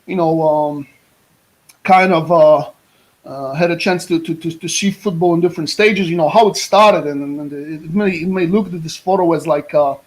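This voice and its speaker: Here is a man from Poland, an American football coach, presenting as a guest over video with plenty of energy and repeated restarts. He talks at a normal speed in a fairly high voice, with a Polish accent shaded by a mid-Atlantic lilt. The recording sounds rough.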